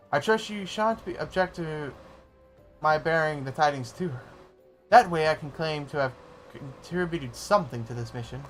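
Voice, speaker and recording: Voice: mid-range voice, fairly bright tone, voice pushed up, close to an everyday voice, poor audio. A streamer voicing a suave, roguish male adventurer from a fantasy game, reading dialogue aloud in a theatrical, old-fashioned way.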